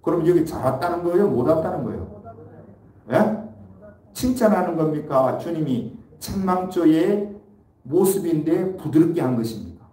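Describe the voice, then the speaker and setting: A man's voice: on the high side, animated, normal speed, warm tone. Man preaching, echoey and distant. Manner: asks the congregation questions and reads scripture aloud with them. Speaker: pastor. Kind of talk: sermon. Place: church sanctuary.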